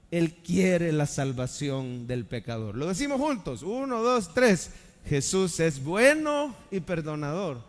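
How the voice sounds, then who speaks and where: Male pastor, live sermon, high voice, long church reverb, dramatic swells when addressing the flock. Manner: preaching with dramatic rises in pitch and volume, addressing the congregation. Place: church sanctuary.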